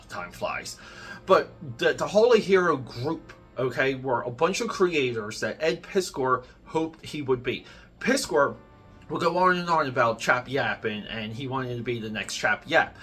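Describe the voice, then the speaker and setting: A man's voice: mid-range voice, expressive, a little slow, a bit bright, husky, soft background music. A middle-aged man delivering an opinionated rant to an online audience, worked up, emphatic and blunt. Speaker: comics YouTuber.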